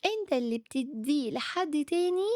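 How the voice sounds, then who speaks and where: A woman with an Egyptian Arabic accent voicing a calm, orderly big sister who speaks patiently. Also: sits high, a little fast, no echo, studio quality, pitched above the performer's own voice. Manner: calm, patient, gently wise.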